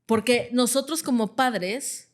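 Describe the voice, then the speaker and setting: A woman psychologist explains things in a conversational way. Her voice sits a little high. She checks in often with short questions and acts out the parents she quotes. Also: slow pace. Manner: explains with everyday examples, often checks with "¿no?" and "ajá". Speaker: clinical psychologist guest.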